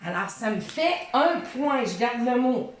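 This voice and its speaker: Woman presenting a kids' reading lesson; high, bouncy voice, unhurried, in an echoey room. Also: expressive. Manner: sing-song, sounding out letters and syllables slowly. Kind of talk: reading lesson addressed to a child.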